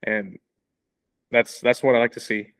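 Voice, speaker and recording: This college football podcast co-host has a mid-range, fairly bright voice with fairly even intonation, speaking a little slowly. His casual sports talk is full of restarts and repeated words, and he laughs often.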